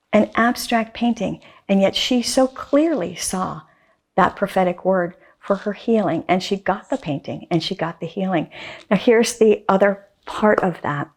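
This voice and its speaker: Animated woman telling a faith story. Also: mid-range voice. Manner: animated storyteller, repeats phrases for emphasis. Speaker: guest artist. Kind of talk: casual faith interview.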